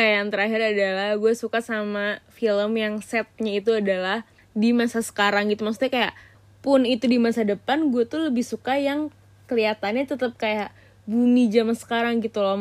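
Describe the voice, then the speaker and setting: A woman hosts her own podcast, gushing in quick slangy chat full of fillers. Her voice sits a little high. The recording is dry and close, with no room sound. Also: dry recording. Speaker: podcast host. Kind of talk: casual solo podcast chat.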